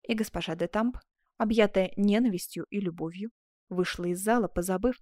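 A woman narrates a classic novel for an audiobook, measured and expressive. Her voice sits at a medium pitch, heard close and dry with no room sound. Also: no room sound. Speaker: audiobook reader.

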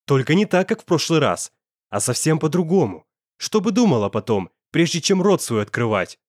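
A man's voice: fairly high pitch, big pitch swings, normal speed, no room sound, clean studio sound. A man playing an angry young male student who talks in a coarse, slangy, threatening way. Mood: menacing.

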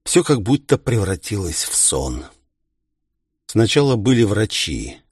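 A man narrating a science fiction audiobook in a measured, even reading. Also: fairly low pitch, husky, no room sound, studio quality. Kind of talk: scripted narration.

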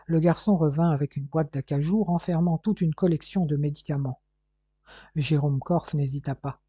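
An audiobook narrator reading in a measured, expressive way. The tone is very dark and mellow. The recording is dry, dull and lo-fi. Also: mid-range voice, husky, no room sound. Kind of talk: scripted narration.

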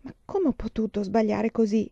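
A woman's voice: on the high side, normal speed, vocal fry, dark tone, no room sound, highs cut off, voice pushed up. A woman reading the part of a firm, old-fashioned mother in a storybook, speaking in a matter-of-fact way. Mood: puzzled.

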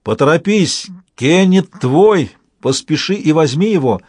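A man voicing a living ship's female figurehead in an audiobook, speaking gently but firmly. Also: fairly high pitch, lively intonation, unhurried, husky, no room sound, clean studio sound. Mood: urgent.

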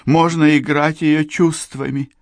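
A man doing a shrill, indignant society lady. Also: a little slow, a bit bright, dry recording, clean studio sound. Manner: raised, shrill accusing tone. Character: indignant society woman, theatrical, scolding.

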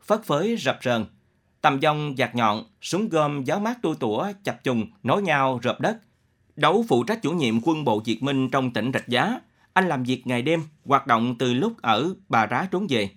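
A man narrating a novel in an expressive, dramatic reading style. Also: medium pitch.

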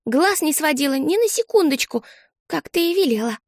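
A woman reading an audiobook and voicing a small girl who speaks in a high, earnest way. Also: animated, normal speed, no echo, clean studio sound. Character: serious, earnest little girl.

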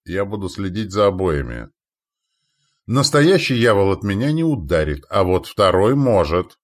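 A man narrating a first-person audiobook in a measured, wry manner. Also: low voice, sing-song.

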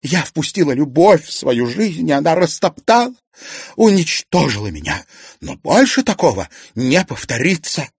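A man's voice: mid-range voice, lively intonation, fast, darkish tone, breathy edge, no room sound, clean studio sound, voice pushed up. A man voicing a heartbroken young woman who pleads in a raised, tearful voice.

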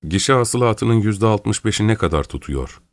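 A man voicing a young male boxer who speaks in terse, flat answers. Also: lowish voice, moderate pace, no echo. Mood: defiant.

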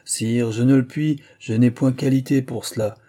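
A man's voice: mid-range voice, fairly even intonation, normal speed, mellow, pitched above the performer's own voice, lightly acted. A man reading aloud, voicing an old monk who refuses help with cold, formal politeness. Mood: coldly formal. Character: calm, vengeful old male monk.

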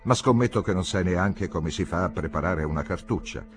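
A man's voice: deep voice, normal speed, natural voice. A man reading aloud voices a bossy, motherly army canteen woman who chides and gives orders in a commanding, street-wise way. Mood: chiding.

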